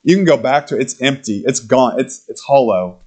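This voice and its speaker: Male pastor giving a sermon, chatty and lively, jumps into character voices for quotes. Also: mid-range voice, brisk. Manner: laughs between points, conversational.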